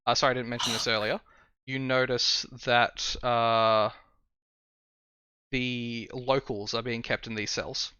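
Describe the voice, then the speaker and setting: A man acting as game master, narrating a tabletop role-playing game in a halting way as he improvises descriptions. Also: medium pitch, level tone, sharp tone, smooth, dry recording, lo-fi sound.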